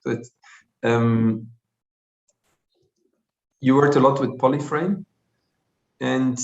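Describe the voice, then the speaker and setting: Guy on a video call, structural engineer critic, slow and thoughtful, sound kinda muffled and roomy. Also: medium pitch, fairly even intonation, creaky. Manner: measured, thinks aloud with pauses. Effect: heard over a video call. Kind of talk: giving feedback on a student project.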